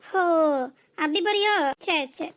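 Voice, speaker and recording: Woman doing a cheeky cartoon daughter with a southern tamil nadu accent, sarcastic comebacks, super high squeaky voice. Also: measured pace, fairly bright tone. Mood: mocking. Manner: mocking, sarcastic retorts. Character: sharp-tongued defiant young married daughter. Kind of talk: cartoon comedy dialogue.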